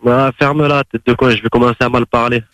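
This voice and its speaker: Fast, irritated man with a Marseille accent. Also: mid-range voice, steady tone, a bit bright, no echo. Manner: irritated, confrontational, foul-mouthed. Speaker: prank call recipient. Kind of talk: heated phone conversation. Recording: phone call played on radio.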